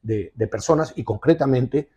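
Speaking at a normal speed, this man's husky, dark, medium-pitched voice carries insistent political commentary. He is a sixty-something TV host seated in an office with a leather sofa, wearing a lapel mic.

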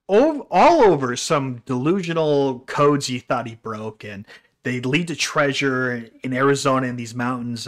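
A man's voice: mid-range voice, fairly bright tone. A man telling a story about his roommate in an exasperated, incredulous rant full of swearing. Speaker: vlogger telling a personal story.

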